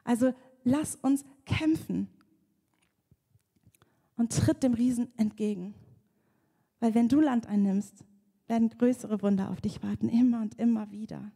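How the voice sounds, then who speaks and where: A woman's voice: fairly high pitch, a little slow, long pauses, warm tone. A young adult woman preaching a sermon with vivid storytelling, now and then acting out prayers. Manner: vivid storytelling, acts out prayers and a crying baby. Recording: long church hall reverb.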